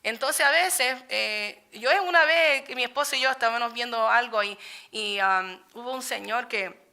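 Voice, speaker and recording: A woman's voice: fairly high pitch, moderate pace, sharp tone. A woman leading a Bible study lesson in a church, talking conversationally and often asking the group if they agree. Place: church meeting room.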